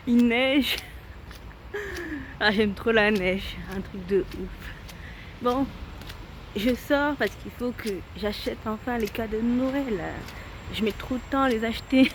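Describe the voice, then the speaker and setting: A woman's voice: a little high, slight background noise. A young woman chatting casually to camera at home as a vlogger, laughing often and swearing lightly. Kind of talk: casual vlog chat to camera. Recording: roomy echoey home recording.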